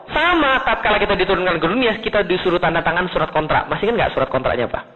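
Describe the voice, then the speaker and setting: A man from Indonesia giving an animated Islamic lecture to an audience, swinging between high emphatic lines and low asides and asking rhetorical questions. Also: rapid-fire. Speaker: preacher. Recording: tinny lo-fi recording in a large hall.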